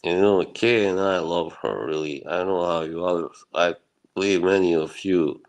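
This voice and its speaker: A low-voiced man from Bosnia speaks at a normal speed while hosting a livestream, keeping up a rambling, reassuring casual chat with viewers and often chuckling.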